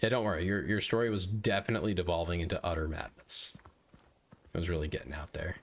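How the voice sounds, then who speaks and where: A man's voice: deep voice, fairly even intonation, fast. A man streaming a game, chatting with viewers in a rambling, joking way. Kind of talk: casual live-stream gaming chat.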